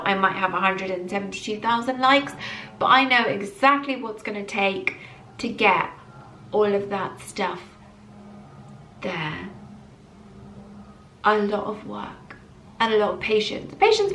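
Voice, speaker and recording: A woman's voice: medium pitch, takes it slowly, long pauses, echoey room, far from the mic, slight background noise. A woman in her early thirties talking casually and emphatically to camera in a motivational vlog, from England. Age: early 30s. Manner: animated, emphatic repetition. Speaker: vlogger. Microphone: camera mic.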